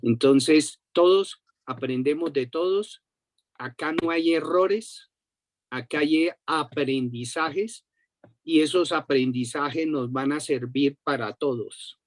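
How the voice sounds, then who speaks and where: Slow-talking man leading a meeting. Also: fairly high pitch. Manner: slow, encouraging, a little hesitant. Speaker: meeting facilitator. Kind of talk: closing remarks at group meeting.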